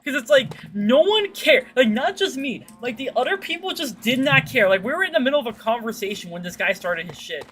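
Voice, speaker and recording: Chatting with her viewers during a gaming stream, a woman tells loose, rambling stories, fairly quickly and with few pauses. Her voice is bright and forward yet fairly deep for a woman, and she's slangy, sweary, and animated, acting out what people said, with faint noise behind her.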